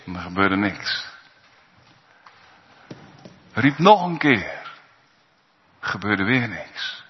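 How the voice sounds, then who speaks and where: A man preaching a sermon in a church, slow and emphatic, with pauses and rising calls. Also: fairly low pitch, very animated, a little hiss or hum. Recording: dull recording in a reverberant church.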